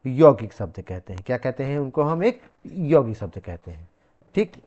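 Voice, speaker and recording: A man's voice: mid-range voice, very animated, moderate pace, mellow, muffled recording. A man giving a classroom lecture, repeating key words and asking the class questions he then answers himself. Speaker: teacher.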